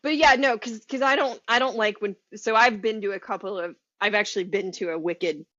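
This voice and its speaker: A woman's voice: mid-range voice, fairly bright tone, no room sound. Chatty woman, dry, dull recording. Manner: chatty, quick to laugh. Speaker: podcast co-host. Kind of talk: casual chat.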